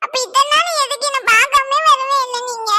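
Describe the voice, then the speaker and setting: A woman's voice: very high-pitched, a little fast, sharp tone, voice pushed up, heavily acted. A woman voicing a clingy, tearful little boy in a cartoon who keeps pleading with his father. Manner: pleading, insistent. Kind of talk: cartoon voice acting.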